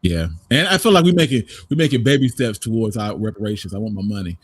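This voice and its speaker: A man's voice: fairly low pitch, expressive, quick pace, husky, dry recording. A man co-hosting a casual podcast chat, talking emphatically and joking with frequent laughs. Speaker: podcast co-host.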